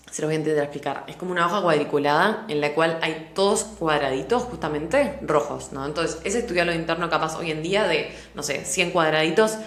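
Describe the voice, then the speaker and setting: A young woman with a Rioplatense accent talks quickly in a low register, hosting a solo podcast. She explains things animatedly, leaning on everyday examples. Her voice bounces around an echoey room. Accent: Rioplatense Spanish. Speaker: podcast host. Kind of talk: casual solo podcast talk.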